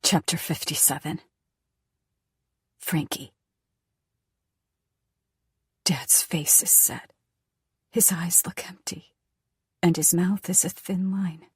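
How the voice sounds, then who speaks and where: A woman narrating a first-person thriller audiobook in a tense, hushed voice that often drops near a whisper. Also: fairly low pitch, fairly even intonation, takes it slowly, long pauses, breathy edge, no echo, studio quality.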